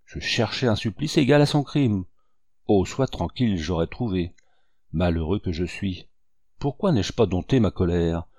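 Man reads old brigand chief: gruff, low, remorseful, dry close recording. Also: animated, normal speed, a little mellow, no echo. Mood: grieving, fierce. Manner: gruff, lamenting. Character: old male brigand chief, fierce yet grieving.

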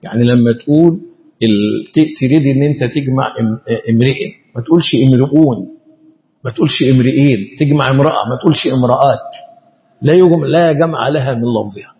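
A man with an Egyptian Arabic accent, an Islamic scholar teaching a lesson, speaking slowly and deliberately and often stumbling and repeating syllables as he explains. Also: medium pitch, muffled recording. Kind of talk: classroom lesson explaining grammar and meaning.

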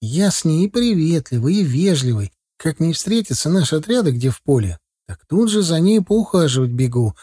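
A man voicing a lovesick young male village driver who pleads and whines excitedly. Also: on the high side, moderate pace, few pauses, slightly rough, no room sound, studio quality, voice pushed up. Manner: excitable, whiny, insistent.

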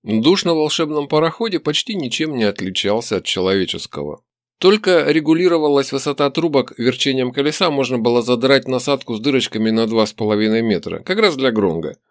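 A man reading a first-person story aloud in a wry, expressive way. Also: mid-range voice, no room sound, clean studio sound. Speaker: audiobook narrator. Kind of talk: first-person audiobook narration.

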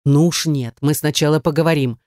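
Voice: mid-range voice, steady tone, brisk, darkish tone, no room sound, lightly acted. Stern, domineering jealous man voiced by the audiobook reader; growling, dry sound. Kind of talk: audiobook dialogue.

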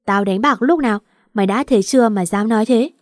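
A woman doing a shrill scolding mother-in-law. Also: fast, dry recording, natural voice. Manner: shrill, accusing, quarrelsome. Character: sharp-tongued scolding older mother-in-law.

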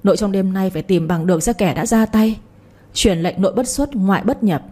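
A woman's voice: mid-range voice, a little fast, lightly acted. A woman playing a commanding village lord. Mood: furious. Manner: barking orders, shouting. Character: angry landowning lord, male, commanding.

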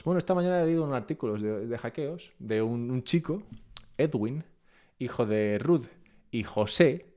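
A man from Spain with a Spain Spanish accent, chatting casually and rambling to his live-stream chat from home. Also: mid-range voice. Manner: relaxed, rambling, self-mocking.

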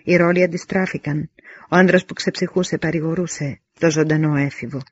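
A man reading a novel aloud in a measured, solemn first-person narration, on a dull lo-fi recording. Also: on the high side, steady tone, breathy edge, no echo. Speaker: audiobook narrator. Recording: dull lo-fi audio.

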